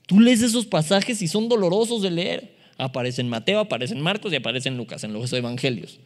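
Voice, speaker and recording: A man preaches a sermon, and his voice sits a little high for a man. He is animated and slips into other voices for the people in his stories. The sound rings with the long reverb of a large hall. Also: a little fast. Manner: animated, acts out dialogue in shifting voices. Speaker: pastor.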